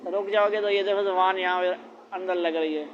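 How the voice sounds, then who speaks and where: Male Quran teacher with a high voice, drilling letter sounds with rhetorical questions, on a muffled recording. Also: steady tone. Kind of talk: classroom lesson on letter pronunciation. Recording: dull lo-fi with faint noise.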